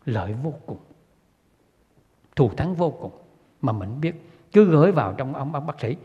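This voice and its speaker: Male preacher, husky, earnest and repetitive, asks the crowd questions; muffled recording. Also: mid-range voice, lively intonation, measured pace. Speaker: Buddhist lay teacher. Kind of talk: sermon. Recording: dull lo-fi recording with long hall reverb.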